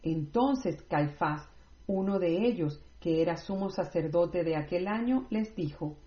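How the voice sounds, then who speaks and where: Woman reading the bible slow and even, a bit echoey and dull sounding. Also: lowish voice. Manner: slow, measured reading without commentary. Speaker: Bible reader. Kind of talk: scripted scripture reading. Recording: roomy, slightly dull recording.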